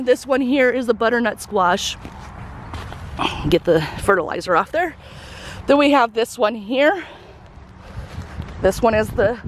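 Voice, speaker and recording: A woman's voice: medium pitch, slight background noise. A woman giving a casual walkthrough of her community garden outdoors, chatty and a little out of breath, with lots of fillers and restarts.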